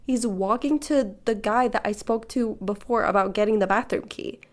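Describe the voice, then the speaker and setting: Animated young woman telling a story. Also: mid-range voice, moderate pace. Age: late teens. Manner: animated, indignant retelling. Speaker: video creator. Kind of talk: casual storytime over game footage.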